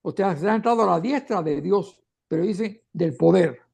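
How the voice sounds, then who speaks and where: A man's voice: sits high, moderate pace, gravelly, darkish tone, breathy edge. A man teaching a Bible class, reading scripture passages aloud and explaining them step by step. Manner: explanatory, reads scripture aloud then comments, occasional restarts. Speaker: catechist.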